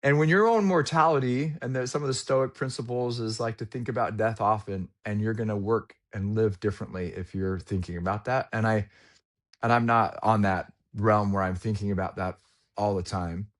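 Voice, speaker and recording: A man's voice: fairly low pitch, steady tone, moderate pace. A man in his forties telling a personal story in a candid, reflective way, with casual slang, as a guest in a podcast conversation. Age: 40s.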